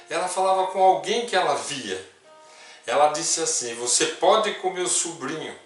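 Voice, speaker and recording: An older Brazilian man in his sixties giving a storytelling spiritist testimony, softly quoting others as he goes. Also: sits high. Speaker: spiritist speaker. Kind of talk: personal testimony talk. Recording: distant mic with heavy room echo, faint music.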